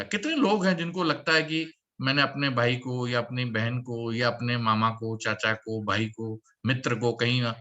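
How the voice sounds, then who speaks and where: At a work-from-home opportunity meeting, a man delivers a cheerful sales pitch full of emphatic repetition and calls for applause. His tone is bright and forceful, though the audio sounds dull.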